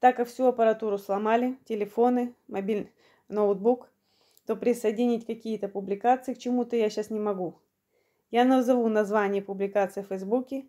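Slightly breathless but unhurried, a fifty-ish Ukrainian vlogger shares a long personal story in a matter-of-fact manner. Her voice sits a little high and has a warm tone.

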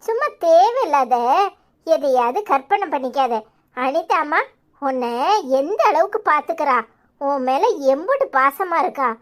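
A woman voicing a gentle, reassuring mother in a Tirunelveli Tamil accent for a cartoon. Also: high-pitched, animated, measured pace. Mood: soothing. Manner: coaxing, reassuring. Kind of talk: cartoon comedy voice acting.

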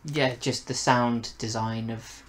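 A young adult man with a steady, mid-range voice speaks slowly and wryly in a casual review chat as a podcast reviewer and co-host. He records indoors in his bedroom, and the home recording is noisy.

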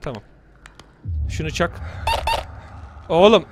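A man's voice: fairly high pitch, lively intonation, takes it slowly, background noise. A young man commentating a horror game let's play, muttering to himself and cursing at the game. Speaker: gamer.

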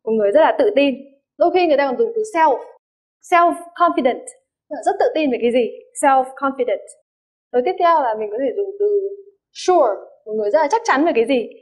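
A woman English teacher with a high, animated voice talks briskly through a vocabulary lesson. She gives many examples and often checks that her students are following. The recording is dull and lo-fi.

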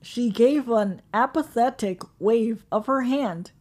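A woman narrating a horror story in a measured, ominous, scripted way. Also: fairly high pitch, a little mellow.

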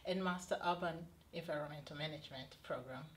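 A middle-aged woman from Tanzania, a study advisor, explaining a study programme in an interview with frequent pauses and fillers. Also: deep voice. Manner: hesitant, many fillers and restarts. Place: studio set, indoors.

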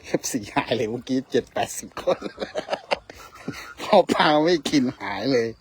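A man's voice: mid-range voice, animated, unhurried, a little hiss or hum. A man casually commenting on his fishing to viewers outdoors by a river at dusk, speaking to them directly and politely. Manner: chatty, addresses viewers directly, tags lines with polite particles. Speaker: fishing vlogger.

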